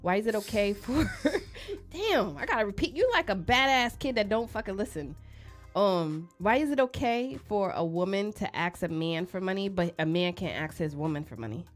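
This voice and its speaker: A woman in her thirties co-hosting a casual studio podcast, outspoken and joking, often breaking into loud laughs. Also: mid-range voice, lively intonation, normal speed, faint music behind. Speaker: podcast co-host. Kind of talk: casual chat. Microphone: studio microphone.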